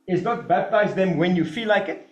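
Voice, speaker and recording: A man preaching a sermon in an emphatic, animated way, with mocking asides. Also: sits high, normal speed, highs cut off. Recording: roomy echo.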